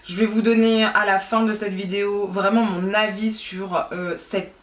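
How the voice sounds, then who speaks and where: A woman from France giving a casual makeup tutorial, talking chattily with many fillers and pauses. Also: mid-range voice, little pitch movement. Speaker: beauty vlogger. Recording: roomy echo, distant mic.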